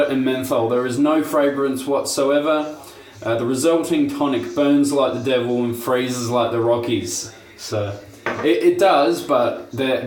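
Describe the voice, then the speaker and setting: A young man hosting a casual shaving review, chatty and laid-back, laughing at himself. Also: medium pitch. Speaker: shaving video host. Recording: roomy home recording.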